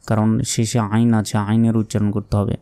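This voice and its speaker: A man with a Bangladeshi Bengali accent teaching Quran pronunciation. He explains each sound briskly and then chants the words slowly, holding the vowels long. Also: lowish voice, monotone, warm tone, clear, resonant tone.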